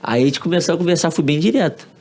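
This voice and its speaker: A man from Rio de Janeiro with a Carioca accent, a podcast guest telling a personal story in slangy, relaxed talk and acting out quoted dialogue. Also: on the high side, fast. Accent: Carioca Brazilian Portuguese. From Rio de Janeiro, Brazil. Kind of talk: casual storytelling.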